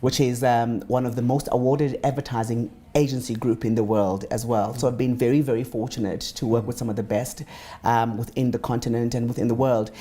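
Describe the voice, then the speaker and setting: Man, from South Africa, 30s, dark mellow voice, halting interview answers. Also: medium pitch, steady tone. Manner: hesitant, many fillers and restarts. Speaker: business guest.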